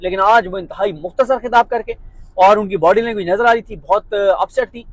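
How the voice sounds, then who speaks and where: A man's voice: high voice, fairly quick, dry recording, poor audio. A man with a Pakistani Urdu accent giving a political commentary monologue in a sarcastic, mocking, emphatic way.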